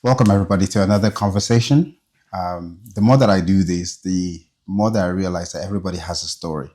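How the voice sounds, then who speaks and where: A man's voice: low-pitched, fast, mellow. A man hosting an interview podcast. He talks in an earnest, encouraging way and answers often with a short "okay". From Nigeria. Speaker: host.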